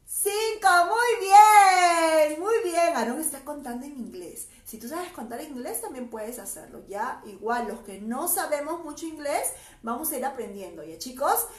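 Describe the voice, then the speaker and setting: Woman preschool teacher, bright high voice, unhurried and cheerful, echoey room. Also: very animated. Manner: cheerful, coaxing, addresses children by name. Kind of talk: online preschool lesson.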